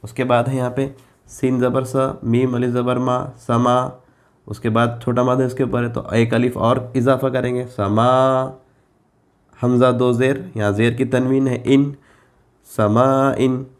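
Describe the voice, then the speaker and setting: A man with an Urdu accent teaching Quran reading in a slow lesson, drawing out the example syllables at length. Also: mid-range voice, little pitch movement.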